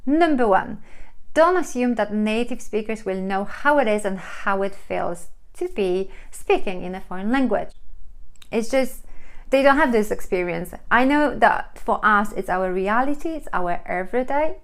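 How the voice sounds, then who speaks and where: A Polish vlogger with a Polish accent gives encouraging workplace advice directly to the camera in her second language. She speaks earnestly at a moderate pace in an expressive, mid-range voice, restarting phrases and reaching for fillers as she goes.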